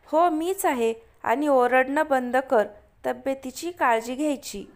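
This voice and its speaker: A woman's voice: sits high, unhurried. A woman voicing a stern but kind woman of about forty in a spoken story. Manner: firm, then mild.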